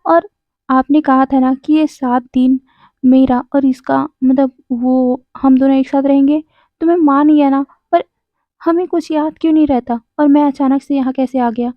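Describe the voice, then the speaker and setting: Woman putting on a complaining young man, high whiny voice, dry dull recording. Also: steady tone, normal speed, no room sound, lightly acted. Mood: whining. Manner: whiny, pleading, cries out.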